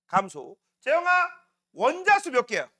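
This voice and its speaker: A man teaching a science class, quizzing students by name with quick questions in a casual, teasing way. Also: very high voice, huge pitch swings, fairly bright tone. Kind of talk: classroom lecture.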